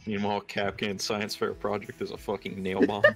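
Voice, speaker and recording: Low-voiced young man joking over game chat. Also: completely flat delivery, fairly quick, vocal fry, heavy background noise. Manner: joking, crude banter. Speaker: teammate. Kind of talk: casual gaming voice chat.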